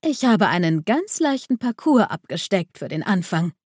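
A kind mermaid teacher explains patiently and reassures her pupils, as a woman reading the storybook puts her on. The voice is mellow and soft-edged. The recording is dry and close. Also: medium pitch, sing-song, moderate pace, breathy edge, no room sound. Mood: reassuring.

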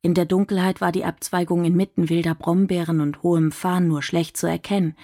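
A woman reading a story aloud in steady, measured scripted narration. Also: fairly low pitch, creaky. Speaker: audiobook narrator.

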